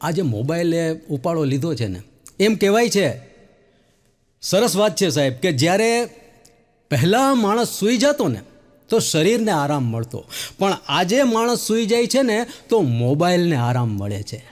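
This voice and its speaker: A man telling jokes to an audience, chatty and lively. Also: high voice, measured pace. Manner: chatty, addresses listeners as sir, acts out voices. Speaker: stand-up comedian. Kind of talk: comic joke telling.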